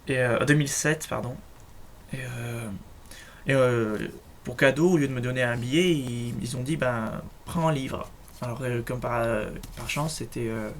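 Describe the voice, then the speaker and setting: A young man chatting casually in a home vlog, showing his collection, full of fillers and restarts. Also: medium pitch. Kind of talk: casual show-and-tell vlog. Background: faint noise and clicks.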